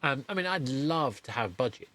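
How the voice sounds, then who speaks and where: A middle-aged man hosts a podcast interview in a medium-pitched voice that sounds pushed and bright, with lively intonation. He rambles conversationally, often cutting himself off and correcting what he said.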